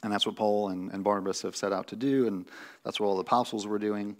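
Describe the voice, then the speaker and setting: A man's voice: on the low side, fairly even intonation, fast. A man in his thirties preaching a sermon from a pulpit in a church sanctuary, teaching conversationally with restarts and fillers. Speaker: pastor.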